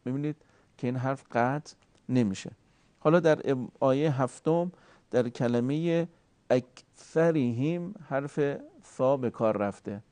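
A man giving a formal recitation lesson, courteous and deliberate, slowly drawing out sounds to show how they are made. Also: mid-range voice, warm tone, dry recording. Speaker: Quran recitation teacher.

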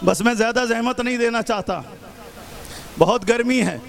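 A man from Pakistan giving an impassioned protest speech at an outdoor rally, often shouting and firing rhetorical questions at the crowd. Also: extremely high pitch, gravelly. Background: faint crowd.

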